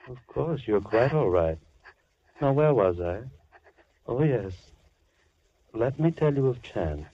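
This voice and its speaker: An actor playing a soft-spoken, coldly polite madman in a 1940s radio drama. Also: medium pitch, sing-song, slightly rough, exaggerated voice. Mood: menacing. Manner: slow, silky, coldly polite. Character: menacing soft-spoken male madman, middle-aged. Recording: muffled 1940s radio recording with hiss.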